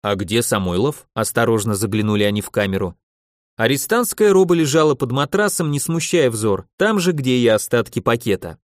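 A man's voice: mid-range voice, big pitch swings, fairly quick, dry recording, studio quality. A man reading a novel aloud as an audiobook narrator, with a wry, storytelling manner.

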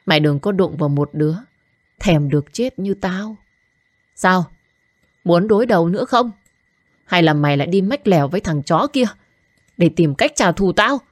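A woman's voice: fairly low pitch, lively intonation, no echo, studio quality. A woman voicing a tough young woman raised in a market, talking harshly and with bitterness. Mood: contemptuous. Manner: harsh, coarse, fast.

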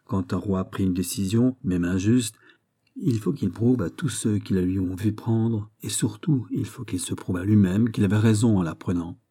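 A man reading a classic novel aloud as an audiobook narrator, in a measured storytelling manner. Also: on the low side, mellow, breathy edge.

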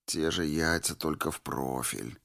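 A man playing a tired, grim deserter who speaks curtly and flatly. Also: a bass voice, unhurried, gravelly, heavily acted. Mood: weary. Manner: tired, flat and curt. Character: weary, grim male deserter from the zone.

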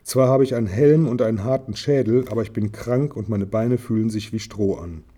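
A man reading the part of a weary, wounded male hobbit who speaks softly and a little shakily. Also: fairly low pitch, brisk, lightly acted. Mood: sad. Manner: softly spoken, shaky.

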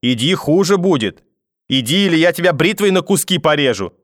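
A man's voice: mid-range voice, quick pace, dry recording, clean studio sound, close to an everyday voice. A man voicing a hysterical, furious old grandmother who screams threats and wails prayers. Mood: threatening.

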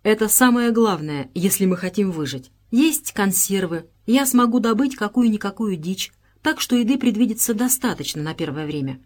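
Woman reading male engineer, audiobook, determined, brisk earnest self-talk, mid pitch. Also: animated, darkish tone, natural voice. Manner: talks to himself in brisk, earnest bursts. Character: practical, determined male engineer surviving alone. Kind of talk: audiobook character voice.

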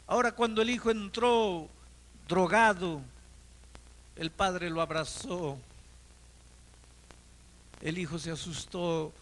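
A man preaching an evangelistic sermon, telling a story dramatically and moving from hushed lines to loud, emphatic peaks. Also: high voice, rough recording.

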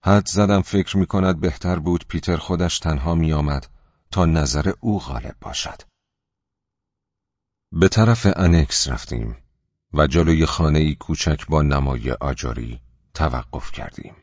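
A man narrating an audiobook in a measured, even storytelling manner. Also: very deep voice, dry recording, muffled recording.

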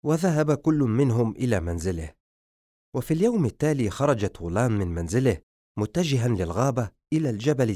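Brief: male audiobook narrator, lowish voice, lively rise and fall, dry close mic. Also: no echo. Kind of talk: scripted narration of a novel.

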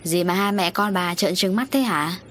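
A woman voicing an older father who is gruff and scolding, with an exasperated manner. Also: on the low side, moderate pace, slight background noise, lightly acted. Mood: shocked.

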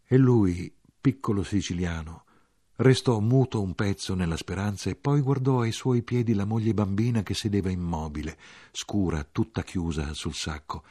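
A man reading a literary novel aloud as an audiobook narrator, measured and expressive. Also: fairly low pitch, husky. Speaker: audiobook reader.

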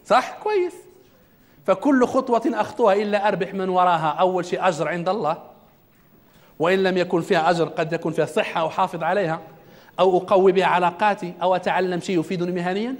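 Male trainer, high voice and brisk delivery, quizzing his class. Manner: asks the audience questions; religious quotations in the talk. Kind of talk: self-development lecture to a class.

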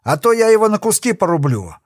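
A brutal convict boss threatens his victim with slow menace, voiced by a male audiobook reader. His voice swings widely in pitch and is recorded close and dry. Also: very animated, husky, no room sound. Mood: yelling.

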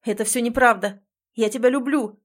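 A woman's voice: fairly high pitch, steady tone, normal speed, lightly acted. A woman reading an audiobook and voicing a young man who insists and pleads heatedly with his girlfriend. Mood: heated, pleading.

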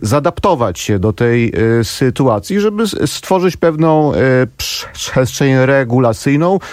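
Male radio analyst: dry, close sound, measured delivery, stammered restarts. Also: medium pitch, expressive, a little mellow, no room sound. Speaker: political commentator, studio guest. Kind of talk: radio political commentary.

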